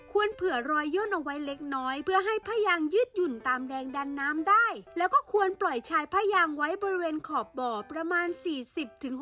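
A woman narrates a how-to guide in a scripted voice-over. Her voice sits very high and sounds bright and forceful. She explains each step politely and carefully, with faint music playing behind her.

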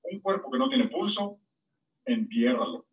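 A man preaches a sermon, his voice leaping up in pitch on the words he stresses. He sounds lively and expressive. He is set back from the mic, so the church room is heard around him. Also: unhurried, distant mic, narrow, tinny audio. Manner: animated preaching with sudden high-pitched emphasis.

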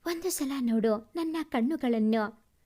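A woman voicing a caring young husband who speaks gently and reassuringly in a storybook reading. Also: fairly high pitch, a little slow, pitched below the performer's own voice. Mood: tender, coaxing. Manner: earnest, reassuring.

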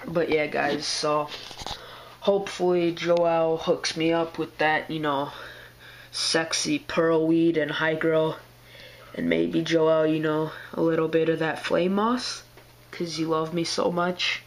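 A man's voice: a little high, flat delivery, takes it slowly. A man who is sick, with a strained throat, giving a casual video update about his aquarium. He rambles in a laid-back way, with lots of fillers and slang. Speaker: aquarium hobbyist vlogger.

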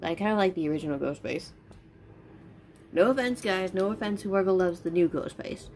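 A woman's voice: lowish voice, moderate pace, a little mellow, slight background noise. A young adult woman talking casually to her viewers as a vlogger. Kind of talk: casual chat to camera. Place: small bedroom, indoors.

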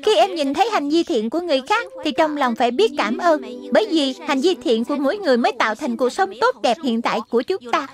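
In a children's cartoon dub, a woman voices a small, childlike lion spirit who explains things earnestly and patiently, like a teacher. Her high-pitched voice is lively and fast, with few pauses, and music plays in the background.

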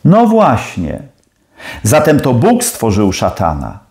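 A man's voice: medium pitch, wildly swooping pitch, takes it slowly, darkish tone. A man playing a stern older professor. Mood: probing. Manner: challenging, questioning. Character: stern older male atheist professor, probing.

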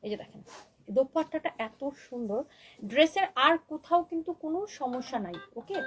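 High-voiced woman selling dresses live. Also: poor audio. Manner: chatty, keeps asking "okay?", mixes English words into Bengali. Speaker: online boutique owner selling dresses live. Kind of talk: live-stream sales pitch, reading viewer comments.

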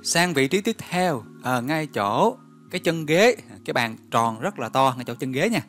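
A man's voice: a little high, moderate pace, faint music behind. A man teaching English vocabulary, telling little memory stories and checking in with questions. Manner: lively, storytelling, coaxing with questions.

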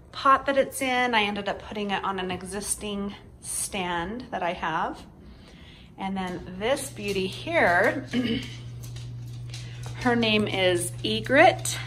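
A woman's voice: medium pitch, a bit bright, a little hiss or hum. Chatty woman vlogging at home. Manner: chatty and upbeat, with frequent ums. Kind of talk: casual home vlog narration.

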